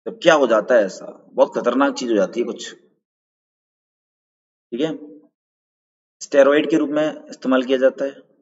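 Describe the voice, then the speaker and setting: Speaking at a normal speed with long pauses, a man with a mid-range, husky, slightly mellow voice keeps his intonation fairly even. He runs a live online quiz class, breaking down answers step by step, greeting chat viewers and asking for their answers. The recording sounds dull and lo-fi, with long reverb.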